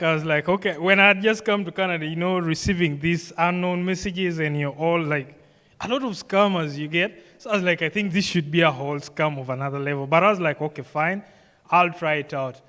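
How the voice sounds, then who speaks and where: A programme graduate, a young man with a Ugandan accent, speaks live in an event hall where his voice echoes. On the high side and fairly bright, moving at a moderate pace, he tells his story informally, leaning on "you know" and "like."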